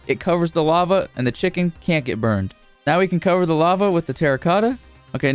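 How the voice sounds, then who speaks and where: A man narrating a casual game building tutorial as a YouTuber, speaking informally in a steady, repetitive cadence. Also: on the high side, clean tone.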